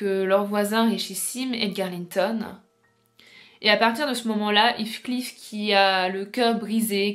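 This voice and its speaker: A woman's voice: mid-range voice, fairly bright tone. A young woman reviewing a classic novel for her book channel, explaining the plot point by point with some hesitant fillers. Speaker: booktuber.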